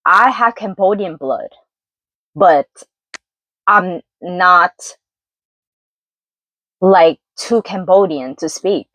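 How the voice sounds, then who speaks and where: Slow, earnest young woman vlogging. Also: on the low side, expressive, fairly bright tone, dry recording, rough recording. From New York City, Brooklyn. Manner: earnest and reflective, with pauses and self-corrections. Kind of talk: candid personal vlog monologue.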